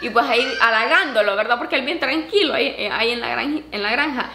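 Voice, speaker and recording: A woman's voice: quick pace, vocal fry. Chatty mother vlogger, echoey room. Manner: animated, acts out quoted voices in a higher pitch. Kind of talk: casual storytelling to camera. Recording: echoey room with faint background noise.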